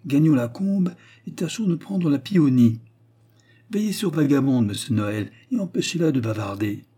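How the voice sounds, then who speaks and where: A man voicing a proud, talkative forest warden, bright and eager in the reading of a novel. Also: a little high, lively intonation, moderate pace, slightly rough, pitched above the performer's own voice. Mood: brisk.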